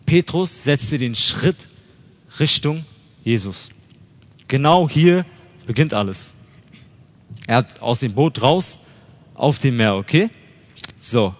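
A young man gives a relaxed sermon and talks to his listeners as if chatting with friends. He slips into slang and voices people's doubts aloud. His medium-pitched voice rings out with the long reverb of a hall. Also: slow pace, pauses often. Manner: conversational, slangy, acts out inner thoughts. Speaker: lay preacher. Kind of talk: youthful casual sermon.

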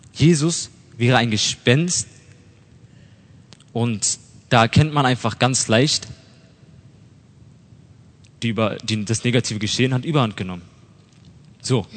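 A young man gives a relaxed sermon and talks to his listeners as if chatting with friends. He slips into slang and voices people's doubts aloud. His medium-pitched voice rings out with the long reverb of a hall. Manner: conversational, slangy, acts out inner thoughts. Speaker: lay preacher. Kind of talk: youthful casual sermon.

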